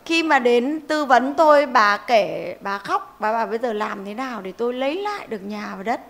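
A middle-aged woman with a fairly high voice tells cases to an audience of elders in a homely, rhetorical style. She keeps pausing to ask her listeners to agree with her before going on. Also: expressive, creaky, fairly bright tone. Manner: folksy, rhetorical, keeps asking the audience "right?". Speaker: legal advice speaker at a club talk. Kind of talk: storytelling talk to an older audience.

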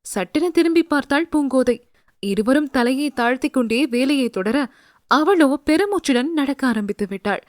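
A woman's voice: high voice, darkish tone, dry recording. Woman reading an audio novel, dry close sound. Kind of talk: scripted narration.

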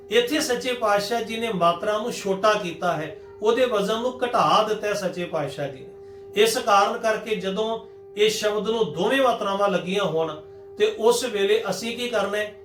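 A man with a high-pitched voice teaches scripture pronunciation in a patient, methodical way. He speaks directly to his listeners. The sound is roomy and echoey. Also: fairly bright tone. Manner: patient, methodical, addresses the congregation. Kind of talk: religious lesson on scripture pronunciation.

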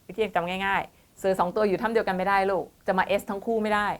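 A woman's voice: medium pitch, steady tone, quick pace. Patient woman tutoring English exam writing. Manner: calls herself "teacher" and the students "child", mixes English terms into Thai; patient and explanatory, checking in often with "see?" and "okay?". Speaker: IELTS tutor. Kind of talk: online exam-prep lesson.

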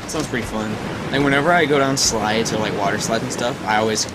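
A man's voice: mid-range voice, fast talker, very noisy. A young man chatting casually and joking while playing a video game, laughing often. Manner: goofy, jokey, laughs often. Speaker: let's play gamer. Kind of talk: casual gameplay commentary.

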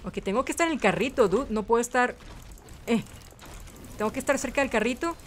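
A young woman hosting a gaming channel. She gives chatty, excitable let's-play commentary and drops English words in here and there. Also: on the high side, a little fast, slight background noise.

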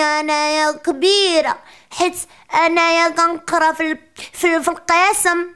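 A woman voicing a chatty, sassy little preschool girl with a Moroccan accent, ranting in a comic monologue. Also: fairly bright tone. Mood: sweet. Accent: Moroccan Arabic. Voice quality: childish high voice, rapid rants.

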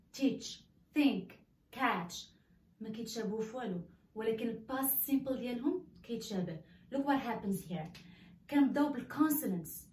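A woman teacher with a Moroccan accent giving a grammar lesson. She says English example words slowly and clearly, then explains them in quick dialect. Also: a little high, a little mellow. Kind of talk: classroom-style grammar lesson. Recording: echoey room, mic set far off.

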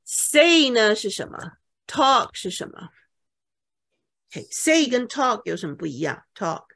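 A woman's voice: on the high side, very animated, takes it slowly, creaky, a bit bright. A woman tutoring English vocabulary, patiently explaining word meanings and checking for understanding with frequent OK. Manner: patient, repeats key words with OK checks.

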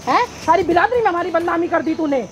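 A woman's voice: very high voice, animated, quick pace, soft background music. A middle-aged woman playing a mother who scolds her daughter with indignation in a staged skit. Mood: scolding.

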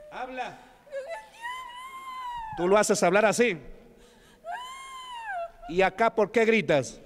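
A man's voice: high-pitched, a little hiss or hum. A man from Peru preaching as a deacon, commanding and rebuking at a deliverance service in a church. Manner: commanding, repetitive shouted rebukes. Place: church sanctuary. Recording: echoey church hall.

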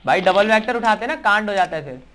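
High-voiced excitable young streamer man. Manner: excitable, giving teammates quick orders. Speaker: game streamer. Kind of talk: casual gaming commentary.

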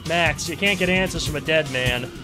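A man's voice: fairly high pitch, moderate pace. A man giving casual, joking let's-play commentary while he plays an old game. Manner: jokey, lively, quips at the game. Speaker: gaming host. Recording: game music behind.

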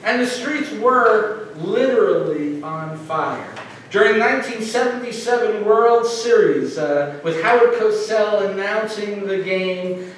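A middle-aged man giving a sermon as minister, earnest and conversational, with slow emphatic pauses. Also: high-pitched, a little hiss or hum. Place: church sanctuary. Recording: echoey church hall mic from a distance.

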